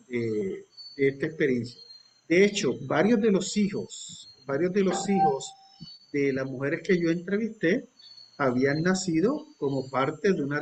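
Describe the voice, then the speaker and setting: A researcher joins a live panel over a video call, and his connection keeps breaking up and sounding choppy. His voice sits a bit high for a man, with a light hiss of noise behind him. He speaks hesitantly, with many fillers and restarts. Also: poor audio. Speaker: researcher guest.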